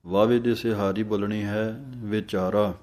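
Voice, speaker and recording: A man teaching the correct pronunciation of a Sikh hymn, chanting each line slowly and then explaining it word by word. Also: lowish voice, level tone, a little mellow. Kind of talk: slow recitation lesson with pronunciation notes.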